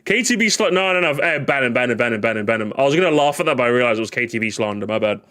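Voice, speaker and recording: A man's voice: medium pitch, lively intonation, rapid-fire, a bit bright. A young man streaming in casual chat, rambling and joking with mock outrage at his chat. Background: music playing.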